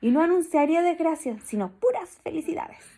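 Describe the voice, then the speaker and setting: A woman's voice: very high voice, lively intonation, fairly quick, mellow, voice pushed up. A woman voicing a cheerful, pretentious little male mouse in a children's storybook, making proud sing-song declarations. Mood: boastful.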